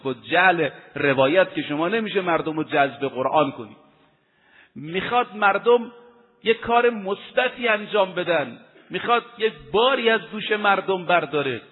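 A man delivers a sermon in a high voice, pressing his points and drawing out Arabic quotations in a slow chant. The recording is thin and phone-like, with a long reverb trailing behind him as in a large hall. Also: husky. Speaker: preacher. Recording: tinny lo-fi recording in an echoey hall.

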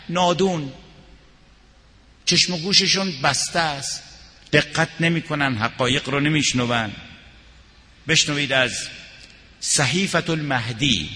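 A man giving a religious sermon, moving from soft mournful recitation to raised, emphatic preaching. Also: on the high side, in a large hall.

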